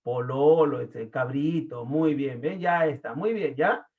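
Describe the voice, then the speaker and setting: A man from Peru with a Lima accent, teaching an online class in a chatty way, quizzing students and filling pauses. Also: medium pitch. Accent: Lima Peruvian Spanish. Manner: chatty, asks the class questions, many fillers. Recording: tinny phone-like audio.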